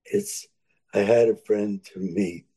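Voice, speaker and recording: A man's voice: on the low side, takes it slowly, gravelly, slightly rough. A man in his eighties sharing his recovery story, speaking plainly and earnestly, repeating himself for emphasis. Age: 80s. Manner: plain-spoken, swings between loud and soft. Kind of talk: personal testimony.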